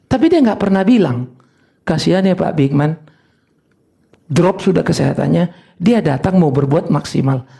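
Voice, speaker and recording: Older male pastor, gravelly voice, high and lively delivery, sermon storytelling. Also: moderate pace, long pauses. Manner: animated storytelling with sudden high exclamations.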